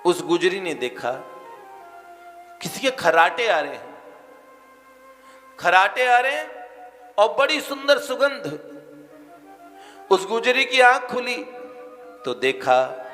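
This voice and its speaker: A man telling a devotional story as a sermon, animated and acting out voices. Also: high voice. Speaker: spiritual storyteller. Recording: reverberant hall, faint music behind.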